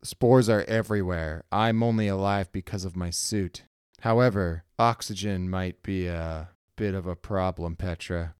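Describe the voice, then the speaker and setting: Brief: a man playing a weary starship captain, tense and commanding, clear and dry. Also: deep voice, fairly even intonation, unhurried, darkish tone, dry recording.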